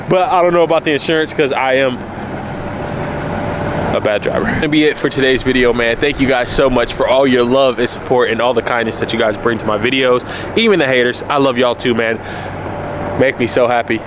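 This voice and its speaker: Early-20s man, candid, laid-back car vlogger, shot outside with steady street noise. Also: medium pitch, fairly quick. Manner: candid, laid-back, repeats himself for emphasis. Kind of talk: casual talk to camera. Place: outdoors by his car in cold weather. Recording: outdoor noise behind the voice.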